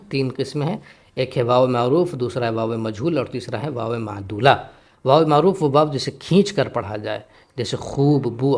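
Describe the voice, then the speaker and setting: A man teaching Urdu grammar for an exam. He asks the class questions and answers them himself, often checks in with "theek hai", and mixes in English words. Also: medium pitch. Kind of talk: exam-prep grammar lesson.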